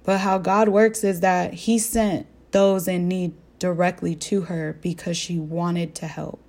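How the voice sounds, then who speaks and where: Earnest woman with a mellow, low voice. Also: little pitch movement, measured pace. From American Southwest. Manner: earnest storytelling with direct questions to listeners. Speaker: podcast host. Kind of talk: faith-based reflective talk.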